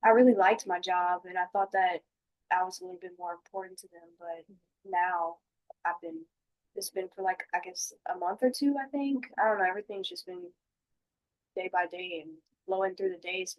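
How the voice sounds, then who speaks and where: A woman playing a dejected client who has lost job and home, confiding haltingly in a mock counseling session. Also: lowish voice, fairly even intonation, natural voice, poor audio. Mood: downcast. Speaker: client in a role play.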